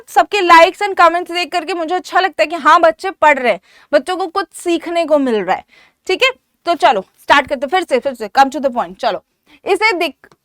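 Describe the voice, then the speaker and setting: A woman, teaching everyday English phrases in Hindi and repeating each phrase slowly for practice. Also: very high-pitched, fairly bright tone, dry recording, studio quality. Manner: slow, drilled repetition of phrases. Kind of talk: Hindi-language English lesson.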